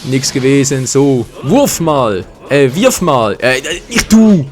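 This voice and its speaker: A man with a German accent giving excited live commentary over a fighting game, groaning and swearing at his misses. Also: medium pitch, slow. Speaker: gaming commentator. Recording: game music behind. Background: faint game music.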